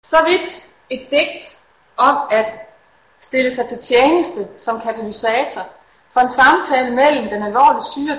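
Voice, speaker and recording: A middle-aged woman gives a conference talk in a fairly high voice, calm and measured as she explains her research. The sound is dull and lo-fi, with the roomy echo of a lecture hall. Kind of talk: conference talk with poem reading.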